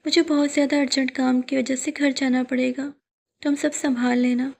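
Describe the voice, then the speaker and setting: A woman voicing a caring young husband who soothes his frightened wife, in a gentle, reassuring way. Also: high voice, level tone, vocal fry. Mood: hurried.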